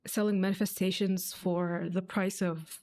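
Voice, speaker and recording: Game music sits behind a woman streamer who comments casually and sceptically on her game, swearing freely with a sardonic edge. She speaks in a lowish, slightly mellow voice with little pitch movement, at a measured pace.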